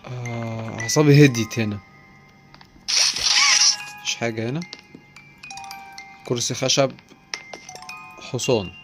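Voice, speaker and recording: A young man with an Egyptian accent joking and swearing through a horror game, shouting when scared. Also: mid-range voice, measured pace, pauses often. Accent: Egyptian Arabic. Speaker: gaming YouTuber. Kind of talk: let's play commentary. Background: loud game music.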